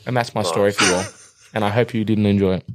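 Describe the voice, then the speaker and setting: A man's voice: fairly low pitch, steady tone, quick pace. A young Australian man co-hosting a podcast, telling a rambling story full of fillers and laughs in casual chat. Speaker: podcast co-host.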